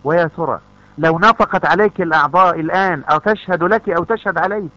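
A man's voice: high-pitched, fast, sharp tone, no echo. Fervent male preacher, lo-fi sermon. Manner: fervent, rhetorical questions, repeats phrases. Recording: dull lo-fi recording.

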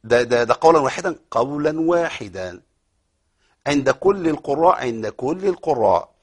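A man with an Egyptian accent teaching Quran recitation rules on a broadcast program, explaining in an informal way and reciting verses slowly. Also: medium pitch, animated, slightly rough. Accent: Egyptian Arabic. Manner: explanatory, asks and answers his own questions, recites verses slowly; many fillers and repeated words. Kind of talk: tajweed lesson on a broadcast program.

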